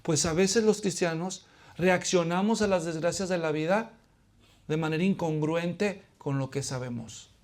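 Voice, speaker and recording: A man from Latin America preaching a sermon who asks his listeners questions and answers them, moving between hushed pleading and loud emphasis. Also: on the high side, measured pace.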